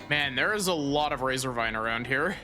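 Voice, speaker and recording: A man streaming a fantasy game reads its text aloud in a casual way, with hesitant fillers between lines. His voice sits in a middle range. Game music plays clearly underneath. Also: medium pitch, animated, brisk, pushed and bright. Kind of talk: let's play commentary, reading game text.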